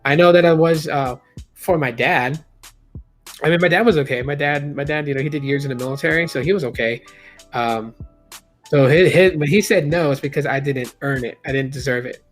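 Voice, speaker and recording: Man in his thirties, live-stream host, casual rambling talk, slightly high voice, faint background music. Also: a little fast. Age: 30s. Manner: rambling, candid, many restarts, reads chat aloud.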